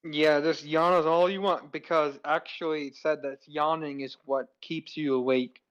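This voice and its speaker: A man's voice: fairly high pitch, fairly even intonation, moderate pace, fairly bright tone, smooth, muffled recording. A man playing in a tabletop game, earnest and rambling with frequent "like". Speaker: player. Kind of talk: tabletop role-play chat.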